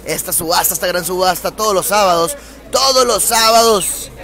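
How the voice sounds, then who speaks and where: A man's voice: high voice, normal speed, sharp tone, faint music behind. A man co-hosting a car auction live stream, promoting it emphatically with showman-like repeated phrases from a crowded outdoor lot.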